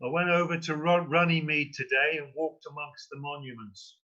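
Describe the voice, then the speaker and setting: A man's voice: a little high, steady tone, normal speed, sharp tone, muffled recording. A man from Slough, a poet chatting wryly and then reciting a rhymed poem at an open mic, heard over a video call. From Slough, England. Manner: wry, self-deprecating, punchy rhyming delivery. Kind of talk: casual chat and rhymed poetry recitation.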